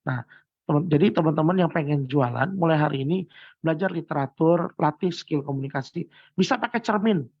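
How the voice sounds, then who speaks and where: Gravelly-voiced man teaching sales on a call. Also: a little fast, no echo. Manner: lively, acts out sales pitches with big shifts in intonation. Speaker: sales trainer. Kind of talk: online sales training talk. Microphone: video call. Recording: dull lo-fi video call audio.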